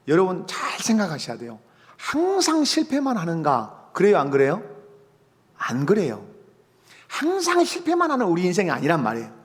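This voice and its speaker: A male pastor with a Jeolla Korean accent preaching a sermon in a church, firing rhetorical questions and prompting the congregation to answer. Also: high-pitched. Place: church sanctuary. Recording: long church hall reverb.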